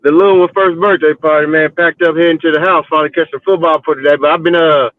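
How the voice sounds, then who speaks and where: A man's voice: a little high, steady tone, quick pace, dry recording. A man calling in to a football livestream on a choppy line, easygoing and chatty. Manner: easygoing, says "man" a lot. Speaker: call-in guest. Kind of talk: casual football talk. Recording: choppy phone-like call line.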